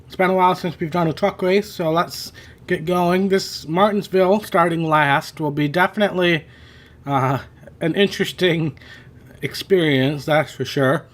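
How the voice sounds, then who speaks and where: This gaming channel host has a slightly high voice and talks at a normal speed. He's doing casual, rambling commentary over a racing game playthrough, chatty and constantly correcting himself, and his voice sounds worn from hours of talking.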